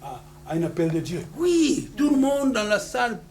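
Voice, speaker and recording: Un pasteur originaire du Congo, avec un congolais, prêche avec emphase dans une salle d'église et lance des alléluias à l'assemblée. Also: male voice, very high voice, big pitch swings, normal speed. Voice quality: emphatic, repeats hallelujah to the congregation. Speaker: pastor. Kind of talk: sermon with call-and-response. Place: church hall. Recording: noisy church hall recording.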